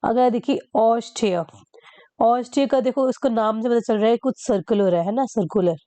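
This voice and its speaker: A woman's voice: fairly high pitch, moderate pace, dark tone, no room sound. A woman teacher patiently explaining a lesson, repeating key points and asking rhetorical questions.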